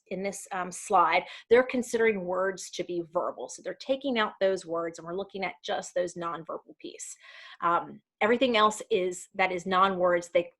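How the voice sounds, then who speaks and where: A woman presents an online workplace training over a video call. She talks through her slides in a relaxed, conversational way, pausing on ums and correcting herself as she goes. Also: medium pitch. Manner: casual, with frequent ums and self-corrections. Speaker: community education trainer.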